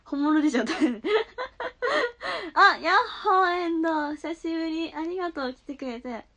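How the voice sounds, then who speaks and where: Bubbly, high-voiced young woman. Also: lively intonation, a little slow, bright, forceful tone. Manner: bubbly, giggly, chatty, reacting to comments. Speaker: idol streamer reading viewer comments. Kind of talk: casual live-stream chat.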